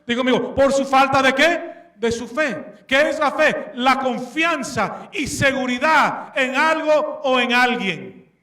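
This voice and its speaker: A man with a very high, sharp voice preaches slowly but with animation, posing questions to the congregation and mixing English words into his speech. The room is echoey and the mic distant.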